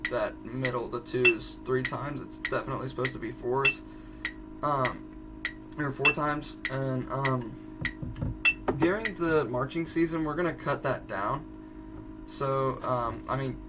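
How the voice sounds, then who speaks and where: A man's voice: mid-range voice, far from the mic. A teenage boy casually explaining drumline exercises, chatty and prone to correcting himself mid-sentence. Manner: chatty, self-correcting, rambling asides. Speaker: drumline student teaching audition exercises. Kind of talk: casual drum tutorial.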